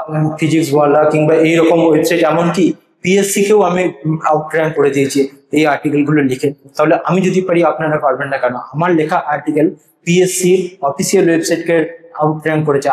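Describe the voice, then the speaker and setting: Fast-talking man with heavy room echo. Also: fairly high pitch, a little mellow. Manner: earnest, confident advice-giving. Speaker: blogging and SEO YouTuber. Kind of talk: casual tutorial monologue to camera. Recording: echoey untreated room.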